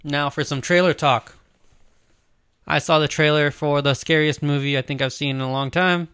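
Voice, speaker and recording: A man's voice: on the high side, steady tone, normal speed, fairly bright tone, clean tone, no room sound, clean studio sound. A man in casual chat about movie news, loose and rambling with lots of filler words.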